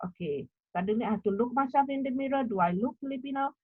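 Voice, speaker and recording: A Malaysian university lecturer with a Malaysian accent gives an academic workshop talk on academic writing, her high voice quick and breathy. She repeats and restarts, uses many "uh" fillers and checks with "okay?". The audio is narrow and tinny, with no room sound.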